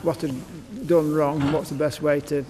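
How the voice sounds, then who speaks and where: An older man farmer, speaking in a homely, rambling way as he answers interview questions in a cattle shed, his voice trailing off softly. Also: fairly high pitch, fairly even intonation, moderate pace, long reverb tail, slight background noise.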